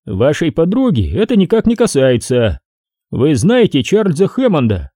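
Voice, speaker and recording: A man's voice: a little high, wildly swooping pitch, moderate pace, warm tone, no room sound, studio quality, pitched above the performer's own voice. A man voicing a tall male police detective who questions in a level, expressionless tone. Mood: cold. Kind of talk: audiobook character voice.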